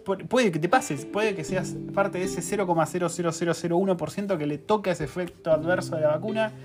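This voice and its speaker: A man's voice: high voice, fairly quick, over music. A man in his thirties with a Rioplatense Spanish accent, telling a story in a casual, slangy, self-mocking way as a podcast co-host. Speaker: podcast co-host, course creator. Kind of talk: casual chat.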